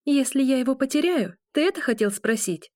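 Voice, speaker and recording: A scared young she-wolf, heavily pregnant and quick to accuse, her voice pushed high and tight with fear, as a woman reads her. Her lines land dry and close in an audiobook. Every word carries a hysterical edge. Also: animated, a little mellow, no echo. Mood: fearful. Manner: high-strung, fearful, accusing.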